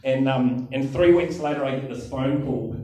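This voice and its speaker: A man's voice: medium pitch, steady tone, moderate pace, mellow. A man preaching in an echoing hall. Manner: chatty, self-mocking, many um fillers. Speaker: pastor. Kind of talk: sermon with a personal story. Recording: echoey hall, distant mic.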